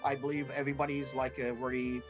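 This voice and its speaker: Guy, normal pitch, earnest and a bit halting, guest on a stream. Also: flat delivery, over music. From Iran. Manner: earnest, hesitant, many fillers and restarts. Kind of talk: interview conversation.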